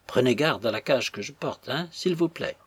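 A man voicing a put-upon young knife-grinder who whines and complains, with a husky voice. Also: mid-range voice, lively intonation, moderate pace, no room sound. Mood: whining. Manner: whining, exasperated.

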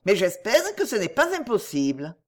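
A woman's voice: medium pitch, wildly swooping pitch, normal speed. A woman reading the lines of an anxious, earnest young woman in an audiobook. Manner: earnest, pleading.

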